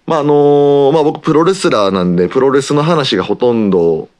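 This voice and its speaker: A man with an Osaka Kansai accent hosting his own podcast, talking casually and rambling with lots of filler pauses. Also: mid-range voice, expressive, darkish tone. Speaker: podcast host, pro wrestler. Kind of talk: casual solo radio-style talk.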